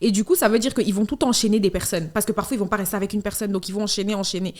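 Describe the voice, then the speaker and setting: Guest: young woman, animated and apologetic, laughs a lot, casual panel talk. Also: medium pitch, rapid-fire.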